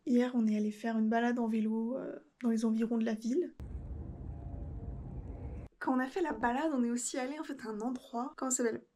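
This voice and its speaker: Young French woman, casual travel vlogger; candid and slightly nervous, fairly high voice, handheld camera with faint noise behind. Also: fairly even intonation, brisk, warm tone. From France. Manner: chatty, candid, a little nervous. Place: on the road, partly outdoors.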